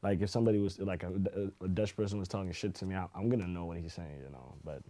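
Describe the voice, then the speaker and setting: A man from Zimbabwe whose first language is Shona talks very fast in a very low voice with a warm, dark tone. He chats casually as a podcast guest, telling stories in an easygoing, rambling way full of "you know" and "like."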